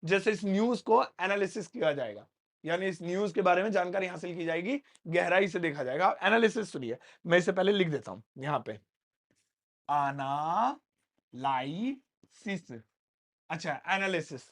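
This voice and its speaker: In a classroom, a man with a high-pitched, somewhat bright voice teaches English grammar, speaking Hindi in this spoken English lesson. He explains things playfully and tosses joking asides to his students.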